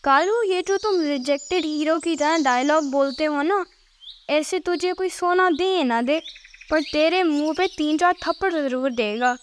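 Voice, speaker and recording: A woman's voice: high voice, a little slow, a little hiss or hum. A woman voicing a scolding, sarcastic female bird thief in a cartoon, drawing out her mockery. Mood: mocking, scolding. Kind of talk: cartoon character voice acting.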